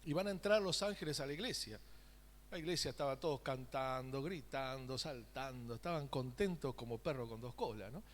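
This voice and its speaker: A man's voice: mid-range voice, fairly quick, big-room sound, slight background noise. A man preaching a sermon, asking the congregation questions and making joking asides. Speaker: pastor. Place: church sanctuary.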